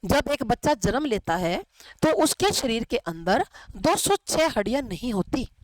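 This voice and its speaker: A woman's voice: fairly high pitch, very animated, a little slow, no room sound, rough recording. A woman teacher giving a lecture in a chatty way, asking questions and answering them herself. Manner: conversational, asks and answers her own questions. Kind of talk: classroom lecture.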